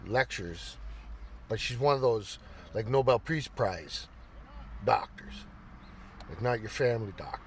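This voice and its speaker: A man's voice: medium pitch, a little hiss or hum. A middle-aged man telling stories in a casual chat, laughing often and swearing casually. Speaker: vlogger. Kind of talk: casual storytelling.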